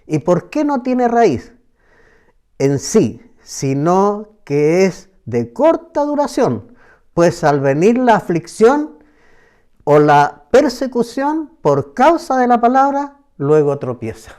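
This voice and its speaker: A man teaching a Bible passage verse by verse, slow and emphatic, often repeating words for stress. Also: high voice, big pitch swings, a little mellow. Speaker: preacher.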